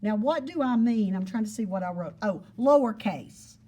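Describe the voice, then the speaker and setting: Husky-voiced woman teaching a class. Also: medium pitch, animated, moderate pace, dark tone. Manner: patient, repeats points with everyday examples. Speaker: geometry teacher. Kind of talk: classroom lesson. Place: classroom with students.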